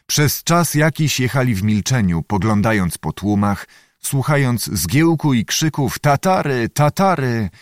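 A man narrating a historical novel as an audiobook, in a measured, solemn reading. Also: mid-range voice, big pitch swings, no echo, clean studio sound.

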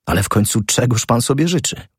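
A man's voice: mid-range voice, animated, brisk, husky, no room sound, studio quality, pitched above the performer's own voice. A man voicing a defiant, fervent young male student in an audiobook reading, speaking boldly and stubbornly. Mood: wary. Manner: bold, stubborn, rising with passion.

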